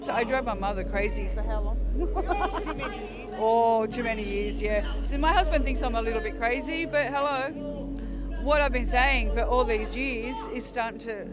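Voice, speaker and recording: A woman's voice: a little high, normal speed. A middle-aged woman at an outdoor rally, talking in a chatty way with laughing asides in a street interview. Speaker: rally attendee. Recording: loud music and crowd behind. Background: music and crowd.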